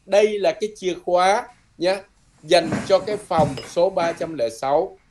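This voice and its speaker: A man teaching a language lesson, patiently repeating words slowly and ending his phrases with soft tags. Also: high voice, noisy background. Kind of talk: lesson explained from a textbook.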